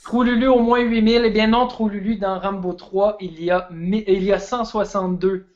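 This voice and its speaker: A man's voice: high-pitched, steady tone, moderate pace, a little mellow, muffled recording. A man, a guest film expert chatting casually and enthusiastically on a stream.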